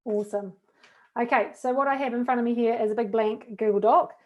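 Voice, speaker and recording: A woman's voice: fairly high pitch, fairly even intonation, fairly quick, darkish tone, dull audio. A woman with a New Zealand accent, a teacher trainer chatting casually and upbeat through a live webinar demo of classroom tools.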